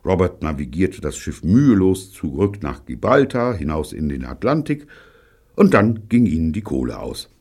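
Husky deep-voiced male audiobook narrator. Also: normal speed. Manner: dry, wry storytelling with lively voiced dialogue. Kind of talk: audiobook reading of a children's novel.

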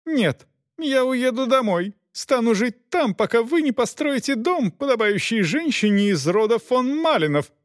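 A man's voice: extremely high pitch, sing-song, takes it slowly, no echo, studio quality, pitched above the performer's own voice, full character voice. A man voicing a stubborn, haughty young noblewoman who shrieks with indignation in an audiobook. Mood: indignant.

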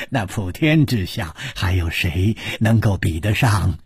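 A man doing a sighing, courteous young gentleman. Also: deep voice, creaky, husky, dry recording, clean studio sound, voice pushed down, exaggerated voice.

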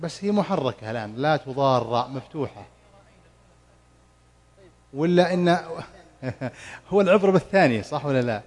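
A man teaching Quran commentary in a mosque study circle, slowly drawing out the verses he recites and quizzing his students as he explains. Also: mid-range voice, expressive, a little mellow. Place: mosque lesson hall.

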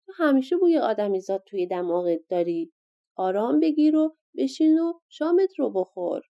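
A woman's voice: a little high, big pitch swings, lo-fi sound, voice pushed up. A woman voicing a fussy scolding old grandmother.

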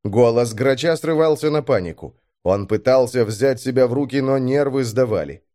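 A man's voice: mid-range voice, normal speed, warm tone. A man narrating a science-fiction audiobook in a dramatic, tense manner.

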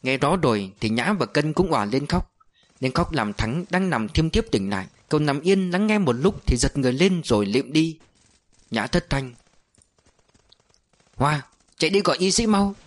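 A man narrating an audiobook in a steady, measured storytelling voice. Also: medium pitch.

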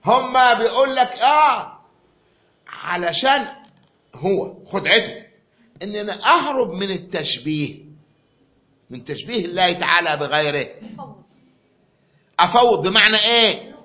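Egyptian guy teaching a class, pretty high voice, keeps repeating and asking the room, dull lo-fi recording. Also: lively intonation, normal speed, long pauses. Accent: Egyptian Arabic. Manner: repeats himself and quizzes the class. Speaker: lecturer. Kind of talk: classroom lecture with questions to students. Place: lecture room.

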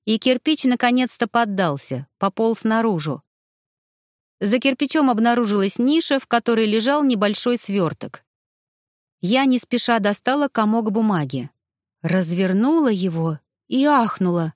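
A woman reading a first-person story aloud in a steady storytelling voice. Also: fairly high pitch, moderate pace, no echo, clean studio sound. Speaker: narrator. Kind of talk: audiobook narration.

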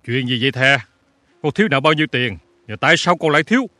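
A man's voice: mid-range voice, animated, moderate pace, no echo. A man doing a mild worried old country father. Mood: puzzled. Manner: gentle, courteous, pleading. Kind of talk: audiobook story reading.

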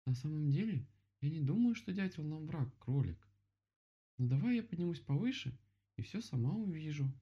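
A man voicing a gentle, patient female bear in a children's story, calm and careful. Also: fairly high pitch, normal speed, breathy edge, voice pushed up. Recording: dull lo-fi recording.

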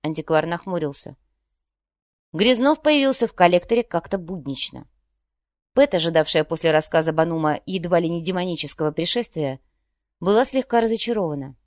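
A woman narrating a novel as an audiobook, steady and measured. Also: fairly low pitch, no room sound, studio quality. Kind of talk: scripted narration.

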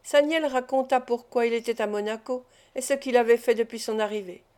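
A woman narrates a nineteenth-century novel for an audiobook, in an even and measured storytelling voice. Her pitch sits a little above the usual. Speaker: audiobook reader.

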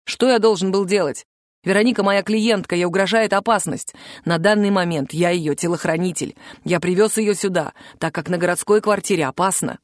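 Practical male bodyguard read by a woman, brisk and matter-of-fact, storybook figure. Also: on the low side, no echo, studio quality, lightly acted. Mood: explaining.

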